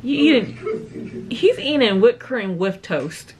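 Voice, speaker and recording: An eighteen-year-old reaction vlogger sits in a room at home, casually responding to videos, laughing a lot and calling her viewers "y'all." Her voice is fairly high and very animated, her pace slow. There's slight background noise, including music from the video she's watching.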